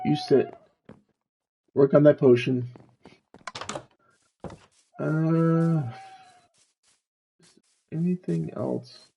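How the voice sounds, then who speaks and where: A man streaming a video game, slowly talking himself through what he is doing in casual commentary. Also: medium pitch, vocal fry, highs cut off, slight background noise. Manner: slow, musing, talks to himself while playing.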